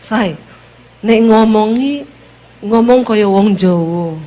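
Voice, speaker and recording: A woman voicing her gentle, soft-spoken Javanese husband, with a slow Javanese accent and falling tone. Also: high voice, pitched below the performer's own voice.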